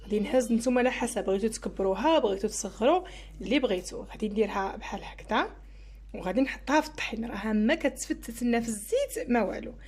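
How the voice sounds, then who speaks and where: Brisk, chatty Moroccan woman cooking. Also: on the high side, animated, darkish tone, slight background noise. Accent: Moroccan Arabic. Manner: chatty, explains each step while working. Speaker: cooking channel host. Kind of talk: cooking tutorial voice-over.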